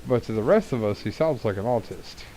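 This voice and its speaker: A man streams a game and chats casually, crude and joking, his talk rambling. His pitch sits in the middle. A faint hiss runs under the recording. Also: lively intonation, a little fast, dark tone, poor audio. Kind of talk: casual chat while gaming.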